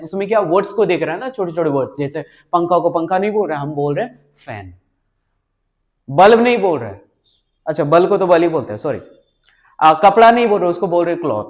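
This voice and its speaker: High-voiced man teaching spoken English. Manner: repeats "ठीक है?" and "right?" to check on learners; mixes Hindi with English words.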